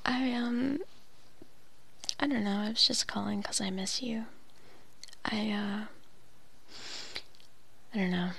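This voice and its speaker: A young woman leaving a rambling late-night voicemail, often whispering softly and filling pauses with ums. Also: mid-range voice, fairly even intonation, vocal fry, husky, no echo. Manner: soft whispering, rambling with many fillers. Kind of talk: casual, intimate phone message.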